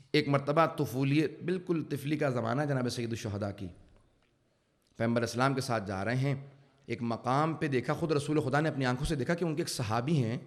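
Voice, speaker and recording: A male cleric giving an emotional sermon at a religious center, telling stories fervently and swelling to loud emphasis. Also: medium pitch. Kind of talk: emotional Urdu majlis sermon.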